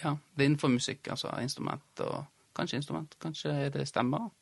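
Hesitant man hosting, with creaky voice. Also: on the high side, no echo. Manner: hesitant, halting phrasing. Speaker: interview host. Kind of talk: casual conversational interview.

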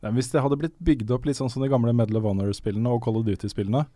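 A man co-hosting a podcast in relaxed, chatty conversation, laughing often. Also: medium pitch, no echo. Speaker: podcast co-host. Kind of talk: casual chat.

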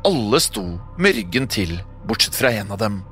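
A man's voice: lowish voice, big pitch swings. A man reading a first-person horror story aloud, telling it expressively. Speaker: narrator. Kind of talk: scripted horror narration. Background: soft music.

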